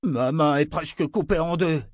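A man voicing an angry wounded soldier complaining loudly about his injury. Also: mid-range voice, fairly even intonation, normal speed, no room sound, clean studio sound, voice pushed up, lightly acted. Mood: outraged. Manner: outraged, complaining.

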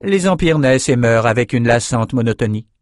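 Man doing an imperious sorceress queen, raised pitch, commanding, dry close audiobook sound. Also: expressive, fairly quick, darkish tone, no echo. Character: haughty woman sorcerer-ruler of a magic city.

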